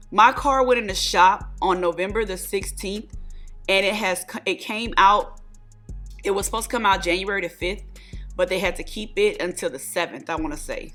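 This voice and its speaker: A woman, telling a story to her viewers while doing her makeup, chatty and animated, calling them y'all and honey. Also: fairly low pitch. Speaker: beauty vlogger.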